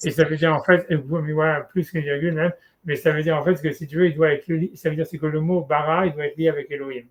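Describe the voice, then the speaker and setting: Teaching Torah one-on-one in an easygoing session, this man speaks fast in a voice that runs on the high side. His casual talk is full of restarts and filler words.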